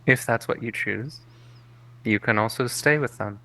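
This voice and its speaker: A man playing a calm, matter-of-fact male caretaker and former teacher who is unbothered by sarcasm. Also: mid-range voice, measured pace.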